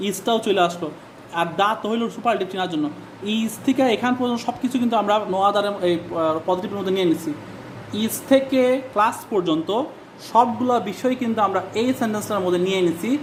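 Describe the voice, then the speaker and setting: A teacher speaking who gives a patient grammar lesson, repeating key words, spelling them out slowly and asking rhetorical questions. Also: medium pitch, a little hiss or hum. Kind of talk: classroom-style grammar lesson.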